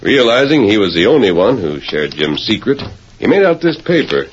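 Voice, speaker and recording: An actor playing the Lone Ranger, a calm, commanding masked hero, in an old radio drama, speaking in a firm, measured way. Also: male voice, fairly low pitch. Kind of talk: 1940s radio acting. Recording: dull lo-fi old radio broadcast with faint hiss.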